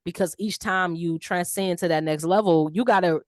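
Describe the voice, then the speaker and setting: Woman co-host, animated and slangy, dry close sound. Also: lowish voice, normal speed, dry recording. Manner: animated, slangy, playful voices for players. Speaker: podcast co-host. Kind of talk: casual sports chat.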